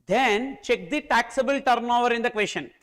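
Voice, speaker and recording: A male teacher with a Tamil accent delivers an exam lecture in a high, crisp voice. He hammers points home by repeating them and keeps putting short rhetorical questions to the class. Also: moderate pace, fairly bright tone. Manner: repetitive, rhetorical questions with check-ins. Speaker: accountancy teacher.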